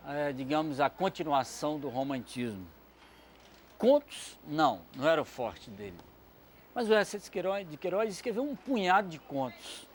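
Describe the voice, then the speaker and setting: A man's voice: on the high side, a little hiss or hum. Man lecturing on literature, discursive. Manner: discursive, many asides and fillers. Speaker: literature commentator. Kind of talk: educational talk.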